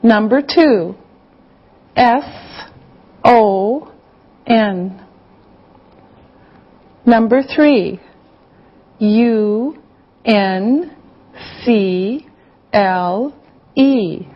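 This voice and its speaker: A woman playing an encouraging English teacher gives carefully enunciated classroom instructions and dictation in a scripted lesson. Her somewhat high voice is patient and instructive, very slow, with long pauses. The audio is slightly dull and lo-fi.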